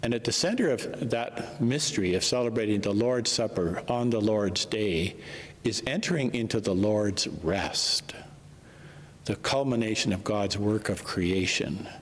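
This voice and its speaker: A man speaking as a priest, reading scripture and preaching a reflective homily in measured, deliberate phrases, with a cathedral-like echo. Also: fairly low pitch. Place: large reverberant church, speaking to a congregation. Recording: long cathedral-like church reverb.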